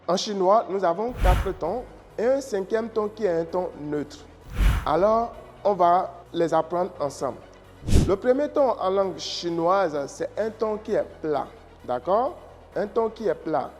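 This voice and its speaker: A man's voice: sits high, animated, unhurried, darkish tone. A man teaching a lesson, patiently explaining and repeating key points. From Africa. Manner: patient, repeats key phrases, checks understanding. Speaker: Mandarin teacher and channel host. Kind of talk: slow explanatory lesson with tone demonstrations. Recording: reverberant room with faint music.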